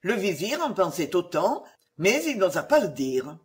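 A storybook narrator reading a fairy tale aloud. The reading is expressive, and the pitch moves a lot, with a middle-pitched voice. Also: a little slow.

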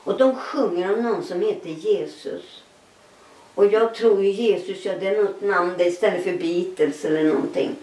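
A middle-aged woman giving a personal testimony in an interview, telling her story with animated, laughing re-enactments of dialogue. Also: mid-range voice, echoey room, distant mic, rough recording.

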